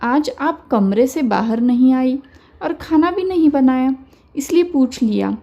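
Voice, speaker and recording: A woman's voice: sits high, animated, unhurried, dark tone, exaggerated voice. A woman voicing a grown son who talks in an impatient, dismissive, complaining way. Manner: curt, complaining.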